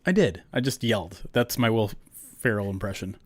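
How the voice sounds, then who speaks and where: A man's voice: fairly low pitch, animated, a little fast. A man co-hosting a casual sports podcast, talking bluntly and with emphasis. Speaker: podcast co-host.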